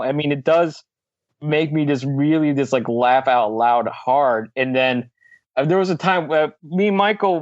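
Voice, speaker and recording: A man's voice: medium pitch, no room sound, highs cut off. A man, a co-author guest in a casual remote interview, jokes, laughs often and fills his talk with "like". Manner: joking, laughs often, says "like" a lot.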